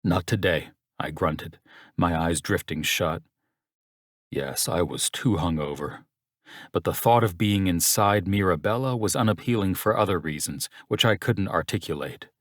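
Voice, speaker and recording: Brief: male audiobook narrator, fairly low voice, wry first-person read, dry booth sound. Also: normal speed, no echo.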